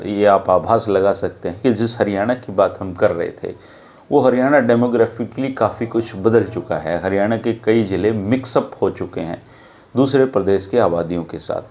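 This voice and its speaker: Male political talk host, low voice, sarcastic commentary for viewers. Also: darkish tone. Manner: sarcastic, addresses viewers directly.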